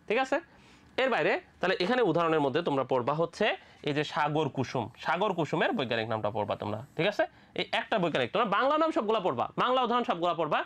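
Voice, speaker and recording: Lively fast-talking Bangladeshi biology tutor. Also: medium pitch. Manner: repeats questions and answers them, checks in constantly; colloquial, playful asides. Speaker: biology teacher. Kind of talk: medical admission lecture.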